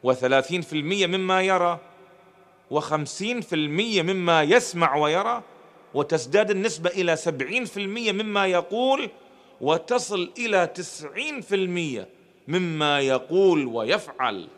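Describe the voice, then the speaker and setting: A man with a somewhat high-pitched voice delivers a motivational lecture to an audience. He addresses the listeners directly and raises his pitch to stress key points. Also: lively intonation, moderate pace, a bit bright. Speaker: motivational speaker.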